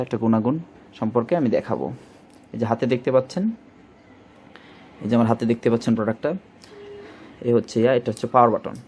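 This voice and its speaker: This shop presenter, a man with a Bangladeshi accent, speaks in a medium-pitched, darkish voice during an informal product demonstration. He often repeats himself and stalls on words, plugging the gaps with filler placeholders. Faint background noise can be heard.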